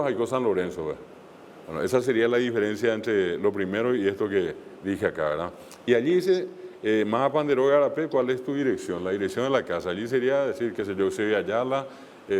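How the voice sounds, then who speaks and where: A man's voice: lowish voice, a little mellow, slight background noise. Man teaching an online class, echoey. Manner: explanatory, with frequent fillers and repeated examples. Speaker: language teacher.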